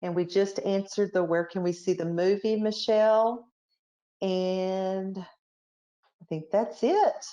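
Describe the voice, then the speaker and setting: A woman's voice: mid-range voice, fairly even intonation, slow, warm tone, lo-fi sound. A woman hosting an interview casually, supportive, reading out audience comments, heard over a video call. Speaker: host.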